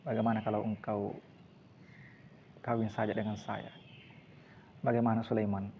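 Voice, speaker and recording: A man's voice: lowish voice, little pitch movement, moderate pace, lightly acted. A man doing a forward widowed mother. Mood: heartfelt, pleading. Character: widowed middle-aged mother, forward and emotional. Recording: dull lo-fi recording, faint hiss.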